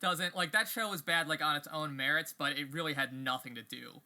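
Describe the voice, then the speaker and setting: A man's voice: a little high, brisk, bright, forceful tone. A man co-hosting a podcast, chatting casually in a rambling, wry way full of fillers. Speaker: podcast co-host. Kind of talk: casual chat.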